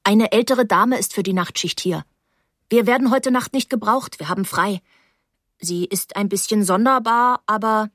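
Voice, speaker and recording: A woman voicing a calm, sensible young man in a storybook reading, speaking firmly. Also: mid-range voice, normal speed, no room sound, clean studio sound, voice pushed up, natural voice.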